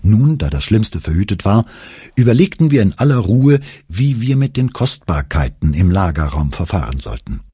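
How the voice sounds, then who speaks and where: A deep, husky male voice reads a memoir audiobook with expressive, dramatic storytelling. His pitch swings widely, the tone dark and mellow, recorded dry and close. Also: normal speed, dry recording. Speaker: audiobook narrator. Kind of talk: scripted memoir narration.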